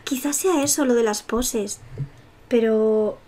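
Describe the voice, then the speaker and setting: Chatty young woman from Spain, slightly high. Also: takes it slowly, dark tone. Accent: Spain Spanish. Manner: chatty, giggly, self-mocking asides. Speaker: gameplay youtuber. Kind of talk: casual game commentary.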